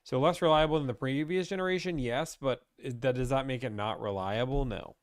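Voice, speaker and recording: A man's voice: mid-range voice, brisk, no room sound, studio quality. Chatty young man hosting a live stream. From Pittsburgh. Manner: chatty, reads viewer comments aloud and answers offhand. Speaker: livestream host answering car-buying questions.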